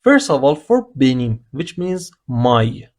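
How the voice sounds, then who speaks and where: Sing-song and unhurried, this man's medium-pitched voice carries a beginner grammar lesson. A language teacher, he narrates slowly and explains each rule patiently, step by step.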